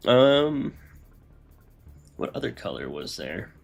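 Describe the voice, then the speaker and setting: A man's voice: medium pitch, very animated, takes it slowly, gravelly, slight background noise. A man with a congested, nasal voice, chatting casually on a live stream as he rambles through his modding work aloud.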